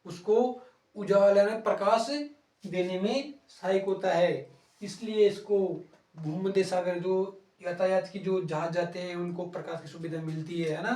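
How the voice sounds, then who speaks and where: High-voiced man teaching in an echoey room. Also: fairly even intonation, a little mellow, far from the mic. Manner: repetitive, playful memory tricks with rhymes; pauses to write on a board, drawing out words. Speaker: geography teacher. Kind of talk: exam-prep lecture. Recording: roomy sound from off-mic.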